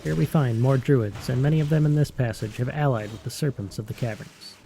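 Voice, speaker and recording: A man with a mellow, dark tone narrates scripted fantasy game lore at a middle pitch. Ambient noise sits behind his voice. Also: brisk, creaky.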